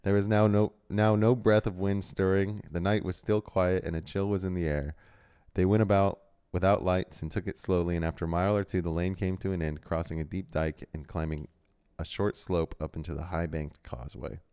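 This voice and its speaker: A man with a deep, smooth voice reads a novel aloud on a livestream. His reading is steady and storybook-like, broken by relaxed asides. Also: brisk. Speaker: book club host.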